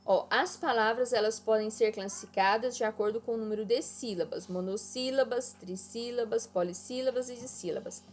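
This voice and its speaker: A woman's voice: a little high, moderate pace, few pauses, faint music behind. A woman teaching an online class to children, walking them through exercises patiently and checking in often. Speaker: primary school teacher.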